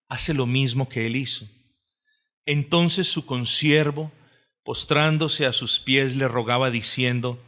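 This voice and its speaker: A man's voice: mid-range voice, a bit bright. A man preaching an expository sermon, reading scripture with rising emphasis, repeating phrases and asking the congregation questions. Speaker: pastor.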